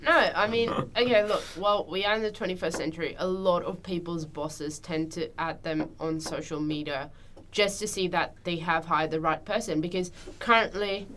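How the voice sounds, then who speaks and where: A woman's voice: lowish voice, fairly even intonation, normal speed, a bit bright, a little hiss or hum. A young woman on a student podcast, insistently arguing a point. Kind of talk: casual chat.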